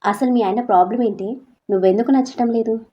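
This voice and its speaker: Brief: a woman doing a frank, protective best friend in an audio story, mellow tone, slightly lo-fi audio. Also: a little high, brisk, natural voice. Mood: concerned. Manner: blunt, concerned.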